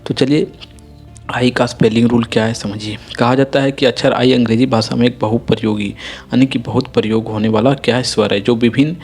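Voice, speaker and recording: A man teaching English pronunciation rules in a slow, repetitive classroom manner, checking in often with his students. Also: mid-range voice, fairly even intonation, a little mellow, faint music behind. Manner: repetitive, explains step by step with frequent "ठीक है". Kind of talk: Hindi-medium phonics lesson.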